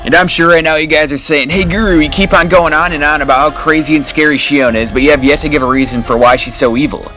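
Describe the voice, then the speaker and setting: Guy doing a top ten countdown voiceover, talks fast, blunt n sweary opinions, music in the back. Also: medium pitch, bright, forceful tone, poor audio. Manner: blunt, casually profane.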